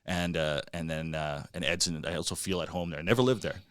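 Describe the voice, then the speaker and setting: A man hosting a podcast, talking in a relaxed way with many fillers and pauses. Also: sits low, clean tone, dry recording, studio quality. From Canada. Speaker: podcast host. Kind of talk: casual podcast chat.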